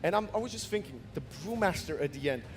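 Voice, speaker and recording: A male esports caster with a high-pitched voice talks through the match as host. Light music plays behind his commentary. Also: lively intonation, quick pace.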